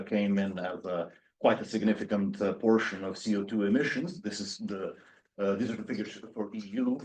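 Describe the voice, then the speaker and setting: A man's voice: fairly low pitch, darkish tone. A man in his thirties from Serbia, giving an academic lecture with many fillers and restarts. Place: university seminar room.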